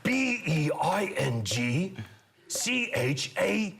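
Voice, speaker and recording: A man's voice: high voice, sing-song, very slow, gravelly, fairly bright tone, heavily acted. A man doing a comic impression of an elderly naturalist narrator fleeing danger, spirited as he spells things out. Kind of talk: comic impression on a panel show. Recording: studio audience noise.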